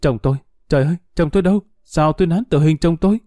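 A man's voice: fairly high pitch, animated, quick pace, dark tone, no room sound, studio quality, natural voice. A man voicing a desperate young mother who pleads and wails. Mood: anguished. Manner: pleading, wailing.

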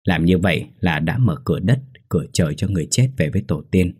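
A man's voice: low voice, animated, fast talker, a little mellow, breathy edge. A man voicing a stern old village ritual master who gives commanding instructions. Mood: instructive.

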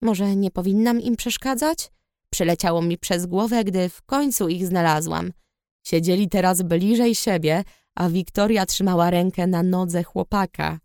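A woman reads a first-person audiobook story. Her delivery is lively and expressive. The sound is close and dry. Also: medium pitch, dry recording. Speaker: audiobook narrator.

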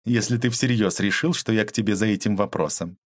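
Man doing a sharp, mocking woman detective. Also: on the low side, fairly quick, dry recording, lightly acted. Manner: mocking, cold, lecturing. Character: tough, ironic young woman detective.

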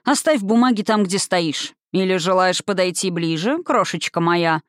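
A woman narrator voicing an imperious, scornful male wizard in an audiobook, speaking slowly and with a drawl. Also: on the low side, no room sound, studio quality, lightly acted.

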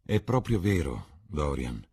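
A man with a husky voice voicing a worldly, cynical gentleman in an audiobook reading, speaking gravely and coaxingly. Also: extremely low pitch, very animated, slow pace, full character voice. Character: worldly, cynical older gentleman, calm and persuasive.

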